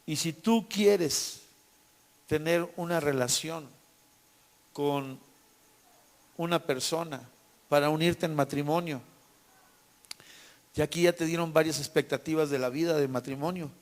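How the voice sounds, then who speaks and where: Animated Mexican man telling a faith story. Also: a little high. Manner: animated storyteller who acts out dialogue and keeps checking with "¿sí?"; repeats and restarts words. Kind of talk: personal faith testimony.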